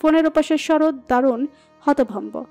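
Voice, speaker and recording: Brief: female storyteller, high mellow tone, steady expressive narration. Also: measured pace. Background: soft background music.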